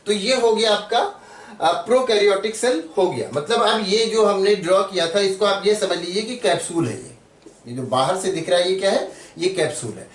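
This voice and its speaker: High-voiced man teaching in an echoey room. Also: animated, normal speed, recorded from a distance. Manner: patient, repeats terms and spells them out. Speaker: biology teacher. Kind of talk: step-by-step drawing tutorial.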